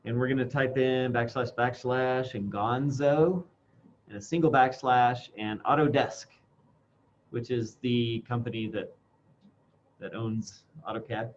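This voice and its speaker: A man is teaching software to a class, his voice muffled by a face mask. He talks informally and haltingly, thinking aloud as he demonstrates. The recording is dull and lo-fi, with a faint bed of noise behind him. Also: medium pitch, fairly even intonation. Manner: speaking through a face mask. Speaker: instructor.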